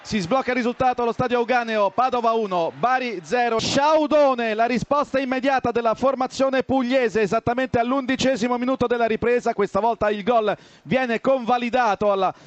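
High-pitched man with dry close sound. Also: steady tone, a little fast, no room sound. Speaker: football match commentator. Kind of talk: live goal updates.

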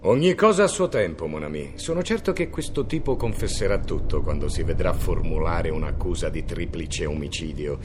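A man's voice: rumbling low, expressive, moderate pace, hardly any pauses, over music. An actor playing a smug, confident male police inspector.

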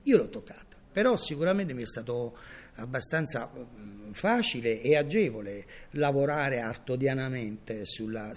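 Male theatre maker, reflective interview voice, animated pitch, mid register, stops and restarts while thinking. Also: slightly rough. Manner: thoughtful, searching for words with restarts. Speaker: theatre practitioner. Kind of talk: reflective radio documentary interview.

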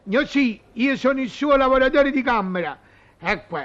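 A man's voice: very high voice, animated, moderate pace, a bit bright. A man playing a naive, bumbling male servant who stammers and mangles words, in a vintage television comedy sketch. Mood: eager. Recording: dull lo-fi old TV audio.

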